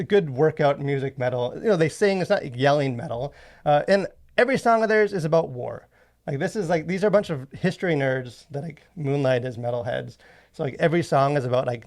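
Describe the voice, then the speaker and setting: A podcast host and film reviewer with a slightly high voice and vocal fry chats in a loose, enthusiastic, rambling way. "Like" shows up in nearly every sentence.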